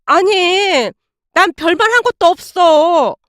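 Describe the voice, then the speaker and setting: A woman's voice: extremely high pitch, lively intonation, takes it slowly, a bit bright, no room sound, clean studio sound, pitched above the performer's own voice, full character voice. A woman voicing a nagging, defensive older mother-in-law who justifies herself in a whiny tone.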